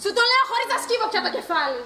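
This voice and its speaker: A woman's voice: very high-pitched, very animated, sharp tone, a little hiss or hum, exaggerated voice. A woman on stage playing a bitter, jealous young sister who speaks sternly and reproachfully, recorded live and echoey. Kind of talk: amateur stage acting.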